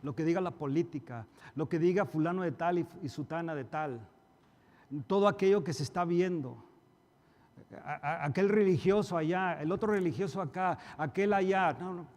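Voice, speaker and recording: A male pastor preaches in a fairly high voice. He is emphatic, acting out quarrels in a raised voice, then dropping to quiet asides. The sound carries a long reverb from the church hall. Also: normal speed. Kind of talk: sermon.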